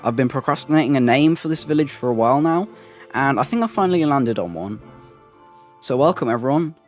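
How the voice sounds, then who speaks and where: A man's voice: medium pitch, expressive, quick pace, faint music behind. A man narrating a game build as a voice-over, rambling with lots of ums and restarts. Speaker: Minecraft builder and channel host. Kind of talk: gameplay voice-over commentary.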